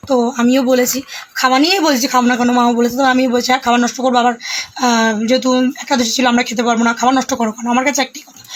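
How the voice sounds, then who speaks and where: Chatty, fast-talking woman vlogger. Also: sits high. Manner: rambling, chatty storytelling with many fillers. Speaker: family vlogger. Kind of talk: casual chat to viewers. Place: home.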